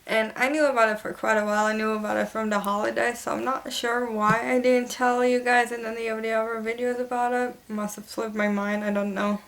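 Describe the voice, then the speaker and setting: A woman's voice: on the high side, level tone, a little fast, hardly any pauses, a bit bright. A young woman vlogging casually at home, chatty and rambling, often correcting herself. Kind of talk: casual home vlog chat.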